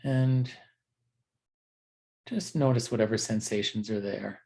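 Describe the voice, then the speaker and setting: With a fairly low, gravelly voice, a male teacher walks listeners through a body scan meditation. His gentle, unhurried speech is unscripted and full of pauses.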